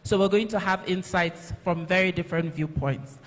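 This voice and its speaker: A woman's voice: lowish voice, moderate pace. A woman moderating a conference panel, addressing the audience and panelists. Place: conference hall stage. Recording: reverberant conference hall.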